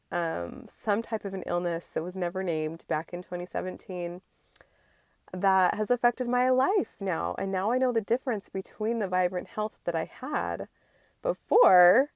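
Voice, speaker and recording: A lowish-voiced woman speaks in a casual, reflective monologue to camera. She is sick with a cold, so she sounds congested, as if her nose were pinched, and a little weak. The recording is close and dry, and her manner is earnest. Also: no room sound. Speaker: vlogger.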